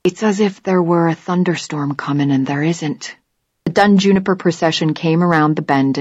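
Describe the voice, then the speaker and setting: A woman narrating an audiobook in a measured, even storytelling manner. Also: sits low, no room sound, highs cut off. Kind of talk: scripted narration.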